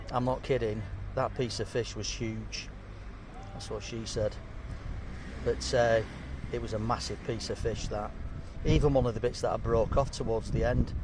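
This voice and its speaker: A chatty, jokey man reviews fish and chips to camera from an outdoor table, his voice sitting at a middle pitch. Faint street and traffic noise hums behind him. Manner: chatty, jokey, talks while eating. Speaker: food vlogger. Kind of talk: casual food review to camera.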